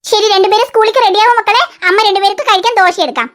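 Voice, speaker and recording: A woman voicing a calm, gently scolding mother in a cartoon. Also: very high-pitched, very fast. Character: soothing cartoon mother of three girls. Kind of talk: cartoon voice acting.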